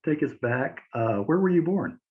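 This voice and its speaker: A man in his forties hosting an interview show over a video call, friendly and a bit halting. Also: on the high side, lively intonation. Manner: friendly, halting, laughs easily. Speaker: podcast host. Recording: tinny phone-like line.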